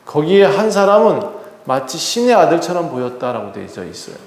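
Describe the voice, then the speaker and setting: A male pastor preaching a sermon, retelling a scripture story with acted dialogue and lively emphasis. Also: a little high, fairly quick. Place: church sanctuary. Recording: echoey hall reverb.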